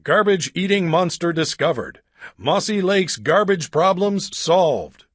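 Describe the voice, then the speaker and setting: A man reading a children's story aloud slowly and expressively, with dramatic pauses. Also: mid-range voice, fairly bright tone, husky, no room sound, clean studio sound.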